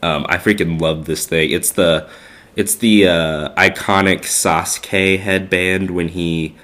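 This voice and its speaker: This congested young podcast co-host speaks slowly and steadily in a low voice that's a bit bright. Relaxed in the casual chat, he rambles and leans heavily on fillers.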